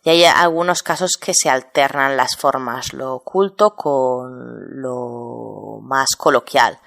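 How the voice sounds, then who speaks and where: Slow, low-voiced woman teaching grammar. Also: vocal fry, a bit bright. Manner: measured, explains with many examples. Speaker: Spanish teacher. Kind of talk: grammar lesson.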